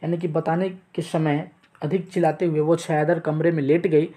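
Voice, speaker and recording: A man's voice: a little high, flat delivery, dark tone. Man explaining a chapter. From India. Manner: slow, halting reading with restarts. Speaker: English teacher. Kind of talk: chapter explanation mixing Hindi and English.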